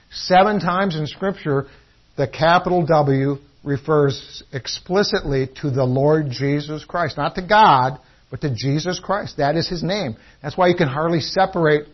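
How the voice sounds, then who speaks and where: A man's voice: on the high side, husky. A man preaching a sermon in an earnest teaching tone, often restarting his sentences. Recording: dull lo-fi recording.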